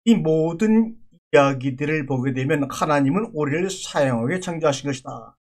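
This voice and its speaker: A man's voice: on the high side, animated, moderate pace. A male pastor preaching a sermon, explaining scripture word by word in an earnest, teaching manner and often repeating himself. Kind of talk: sermon on biblical words.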